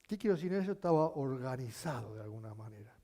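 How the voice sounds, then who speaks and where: A male pastor preaching a sermon, telling stories with animation and asking his congregation questions, at times rising to near shouting. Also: medium pitch, lively intonation, fast. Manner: addresses the congregation with frequent questions.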